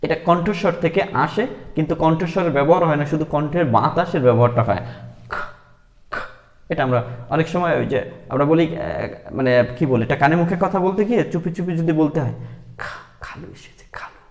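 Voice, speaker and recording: A man's voice: fairly high pitch, long reverb tail. A man teaching beginners English letter sounds, explaining patiently and repeating each sound several times. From Bangladesh. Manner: repeats sounds slowly, with many fillers.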